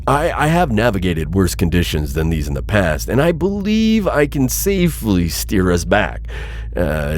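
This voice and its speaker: In a scripted sci-fi audio roleplay addressed to the listener, a man plays an anxious, pleading insectoid alien bounty hunter. The character is flustered, hesitant and formally wordy, delivered in a deep voice. There's slight background noise.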